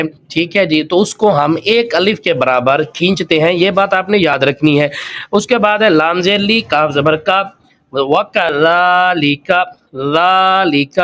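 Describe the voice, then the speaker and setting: A man teaching Quran recitation word by word, spelling each word letter by letter and drawing the sounds out slowly. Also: fairly high pitch, fairly bright tone. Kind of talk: word-by-word tajweed lesson.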